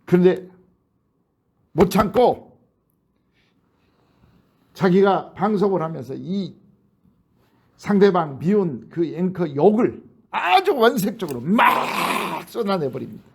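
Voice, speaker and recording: A man preaching a sermon in a church, telling a film's story in an animated way and acting out the characters' lines. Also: high voice, takes it slowly, creaky, long pauses, husky. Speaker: pastor. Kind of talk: sermon, retelling a film.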